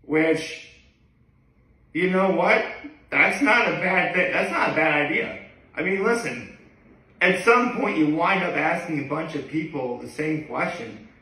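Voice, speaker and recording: Echoey, bright-voiced man rambling to camera. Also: a little high, expressive, measured pace. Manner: hesitant, digressive, often backtracking. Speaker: daily video blogger. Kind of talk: casual rambling vlog to camera. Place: living room, indoors. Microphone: camera a few feet away. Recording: echoey room, distant microphone.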